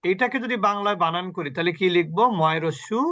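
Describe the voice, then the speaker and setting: A man teaching Quran recitation rules in an online class, explaining patiently, quizzing his students and chanting example words slowly. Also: high-pitched, fairly bright tone, muffled recording. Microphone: video call.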